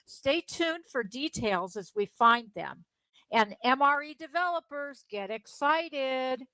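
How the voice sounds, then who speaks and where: A woman co-hosting a live-stream news show, reading tech news in an excited, upbeat way. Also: high-pitched, takes it slowly, no echo, rough recording. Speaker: co-host.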